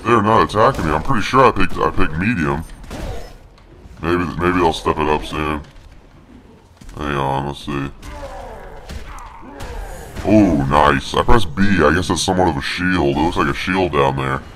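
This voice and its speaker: A male gaming video host puts on an extremely low monster voice, playing a snarky, boastful big brute who trashes talk with cocky commentary. He speaks unhurriedly with long pauses and a fairly bright tone. The home recording carries noticeable fighting game sound effects behind him.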